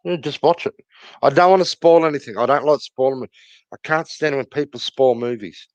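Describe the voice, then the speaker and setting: A man's voice: medium pitch, brisk, no echo, rough recording. A man talking in a casual online group chat. He is blunt and enthusiastic and swears freely. His voice is dry and close, with no room sound. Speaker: chat participant.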